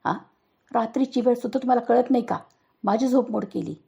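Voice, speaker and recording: A woman voicing a weary, calm middle-aged father trying to settle a family quarrel in a storybook tale. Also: fast talker, gravelly, slightly rough, muffled recording. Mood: annoyed. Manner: low, tired, placating.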